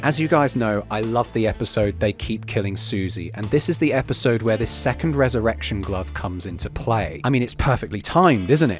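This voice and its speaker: A man giving an enthusiastic, opinionated, scripted review of a TV series, swearing casually. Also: medium pitch.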